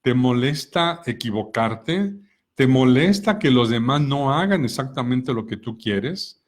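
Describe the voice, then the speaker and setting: Middle-aged man, co-host, calm explainer, stacks rhetorical questions. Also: mid-range voice, unhurried. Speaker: co-host of a personal growth talk. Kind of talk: explanatory talk with examples.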